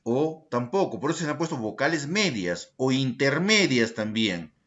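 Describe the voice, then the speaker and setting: A man teaching a secondary school language lesson in an online class, explaining slowly and checking in with his students by asking short questions. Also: medium pitch, very animated, fairly bright tone. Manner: slow, deliberate explaining, tag questions to students.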